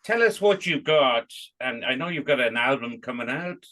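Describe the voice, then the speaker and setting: A man in middle age hosts a casual interview. His voice is bright and sharp at an average male pitch, and he chats informally with his guest. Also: animated, moderate pace, low-quality recording. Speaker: podcast host.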